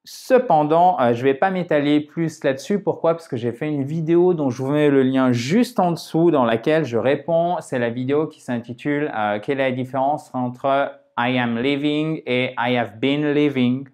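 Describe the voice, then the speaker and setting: A man with French as his first language explaining English grammar in a video lesson, patiently and clearly, often checking in with his viewers. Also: mid-range voice, a little mellow. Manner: slows down to spell out English examples. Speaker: English teacher.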